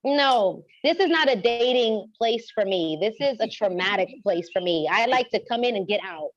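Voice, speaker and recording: A woman's voice: fairly high pitch, normal speed, no echo. Chatty woman on lo-fi remote audio. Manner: chatty, expressive storyteller. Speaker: podcast guest. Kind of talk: casual chat.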